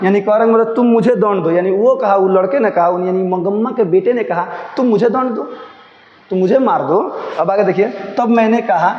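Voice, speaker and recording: A man's voice: high voice, moderate pace, roomy sound, in a large hall, muffled recording, slight background noise. A man teaching a story to students, reading lines and explaining them in a Bhojpuri accent. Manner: switches between reading and dialect asides.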